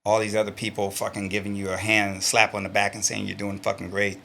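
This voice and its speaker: A middle-aged man with a low voice and a gravelly, fry-laden edge talks bluntly and earnestly in an interview. He sounds emotional and close to tears, and he swears freely as he reflects on reading his old journal aloud. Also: completely flat delivery, brisk, bright, forceful tone, slight background noise. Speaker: interview guest, stunt performer.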